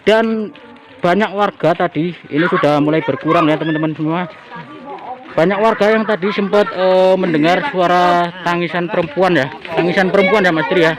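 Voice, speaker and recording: A man's voice: high voice, fairly even intonation, normal speed, a crowd in the background, rough recording. A man giving a folksy, repetitive on-location report to his viewers, recorded outdoors in a village neighborhood. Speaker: vlogger reporting on site.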